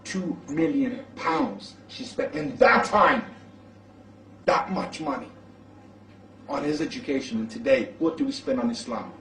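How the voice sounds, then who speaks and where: A man's voice: mid-range voice, animated, a little slow, a bit bright. A man preaching, who tells a story with energy and acts out its dialogue. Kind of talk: sermon storytelling. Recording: echoey, from far off the mic.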